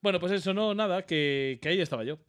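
Animated swearing Spaniard telling stories. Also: male voice, high voice, fast talker, clear, resonant tone, dry recording. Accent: Spain Spanish. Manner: animated storyteller, swears freely, imitates others. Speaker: podcast co-host. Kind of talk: casual chat among friends.

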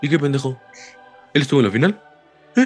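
Teen male co-host, Mexican accent, profane and heated, pitch leaps around, faint music behind. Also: lively intonation, fast, husky. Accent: Mexican Spanish. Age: teens. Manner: swears a lot, voice jumps high when heated. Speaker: podcast co-host. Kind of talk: casual argumentative banter.

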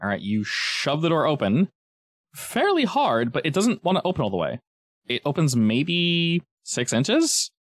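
A man running a tabletop game, improvising casual, descriptive narration and pausing to search for words. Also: on the high side, big pitch swings, no echo. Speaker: game master.

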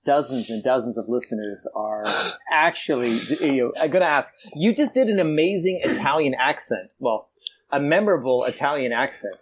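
Husky guy teasing his cohost, voice goes all over the place. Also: medium pitch, lively intonation, normal speed. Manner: teasing, playful interrupter. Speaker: podcast guest. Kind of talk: casual podcast chat.

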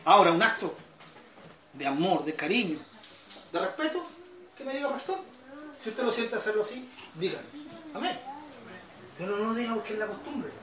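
A Chilean man preaching a sermon in a high, bright voice. He drops to soft asides, then climbs to shouted, emphatic peaks. He sounds set back from the mic in an echoey room. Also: sing-song, moderate pace, pauses often, distant mic. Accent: Chilean Spanish. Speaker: pastor.

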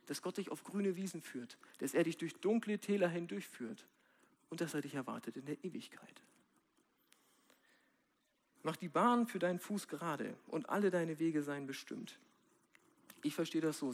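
A man giving a sermon in a casual, direct way, with slang and slow, quiet stresses. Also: on the high side. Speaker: preacher.

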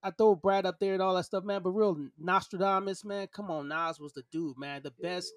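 A man's voice: high voice, fairly quick. A man in his thirties chatting casually as a podcast co-host, arguing his opinions emphatically and repeating himself for stress. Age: 30s. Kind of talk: casual opinionated debate chat.

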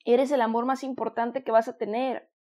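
A woman's voice: a little high, flat delivery, moderate pace. A woman with a Mexican accent giving a motivational self-love talk, affectionate and conversational, often repeating and restarting phrases. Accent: Mexican Spanish. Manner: warm, affectionate, addresses listener as "hermosa".

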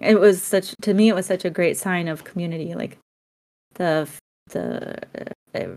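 A woman's voice: fairly low pitch, darkish tone. Woman, podcast co-host, casual and reflective, laughs readily. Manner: reflective, laughs often, many restarts. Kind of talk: casual conversation.

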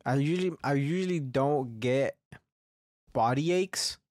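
Unhurried and darkish in tone, this young man's mid-range voice carries a casual solo podcast monologue. His throat is slightly congested and phlegmy, and he rambles, swears a lot and keeps restarting. Studio quality, no echo.

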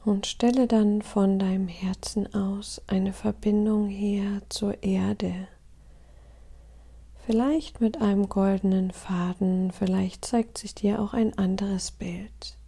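A woman guides a meditation in a calm, soothing voice that is breathy and husky, often dropping close to a whisper. Her pitch sits in the middle range, and she leaves deliberate pauses.

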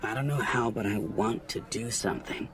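A man voicing an earnest young male knight in an audiobook, speaking softly and sincerely. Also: on the low side, normal speed, a crowd in the background, natural voice.

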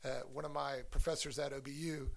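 Earnest man with a creaky voice. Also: on the high side, little pitch movement, a little fast. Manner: earnest, talks through ideas with restarts. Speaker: podcast co-host. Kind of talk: casual church discussion.

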